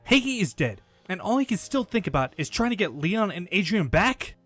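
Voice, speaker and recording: Bitter hunter, male actor: high, animated, scornful drama delivery over faint music. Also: moderate pace, dry recording, exaggerated voice. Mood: scornful anger. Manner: scornful, emphatic. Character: bitter, hot-headed male mystic hunter. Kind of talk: amateur animated drama acting.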